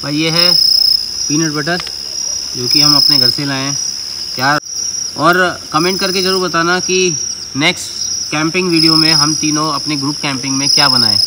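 Young man, slightly high voice, chatty vlog talk, insect noise. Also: fairly even intonation, normal speed. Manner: chatty, asks viewers to comment. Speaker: camping vlogger. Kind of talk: casual outdoor vlog chat. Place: forest campsite at night, outdoors. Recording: loud night noise, crickets and insects.

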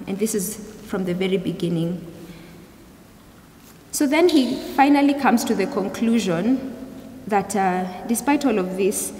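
A young adult woman giving a youth service sermon in a measured, explanatory way, often rephrasing as she goes. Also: medium pitch, darkish tone. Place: large church hall, indoors. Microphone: gooseneck pulpit microphone. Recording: echoey hall, clear background noise.

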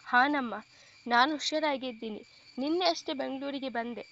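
A woman reading as a gentle caring brother. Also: high voice, normal speed, muffled recording, slight background noise. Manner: gentle, reassuring, affectionate. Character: caring young man, protective elder brother figure.

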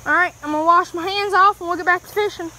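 An easygoing woman fishing vlogger films her trip by a wooded mountain creek outdoors on a handheld phone camera. Her high, bright voice moves fast with fairly even intonation as she chats casually to viewers while fishing.

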